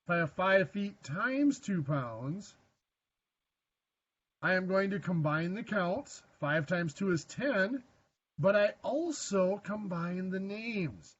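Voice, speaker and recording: A man's voice: sits high, lively intonation, takes it slowly, highs cut off. A man teaching a math lesson to a class, quizzing students and making dry, self-deprecating jokes. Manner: asks the class questions. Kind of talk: classroom lecture.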